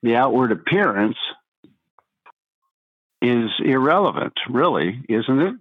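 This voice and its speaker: A man with a medium-pitched voice speaks slowly in a reflective discussion style, posing points as questions. The sound is dry and narrow, like a telephone. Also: very animated, husky, no echo. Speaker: discussion participant. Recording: dry narrow phone line.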